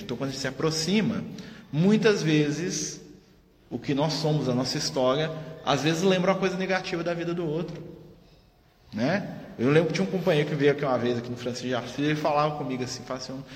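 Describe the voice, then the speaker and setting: A man leading a study group in a spiritist center's meeting room, talking informally, often tagging his sentences with questions and acting out what others said. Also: fairly high pitch. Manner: conversational, peppers speech with tag questions, acts out quoted speech. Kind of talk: informal teaching talk. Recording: echoey hall with faint noise.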